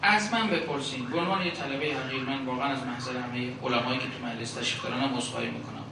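A man, a seminary cleric, preaches a sermon at a religious gathering. He builds long rhetorical lists with pauses and recites verse and Arabic phrases. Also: mid-range voice, little pitch movement, gravelly, background noise. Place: religious gathering in a large echoing hall. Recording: very echoey hall recording from a distance.

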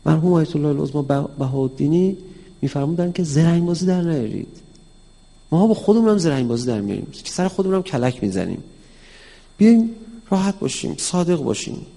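Gravelly-voiced man lecturing in a reverberant hall. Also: on the high side. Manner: lively, acts out quoted dialogue in a raised voice. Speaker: cleric teaching mysticism. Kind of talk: religious lecture to an audience.

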